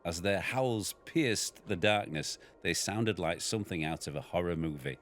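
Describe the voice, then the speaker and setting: A man's voice: low-pitched, normal speed, a bit bright, faint music behind. A farmer reading aloud from his family's book in a dry storytelling manner.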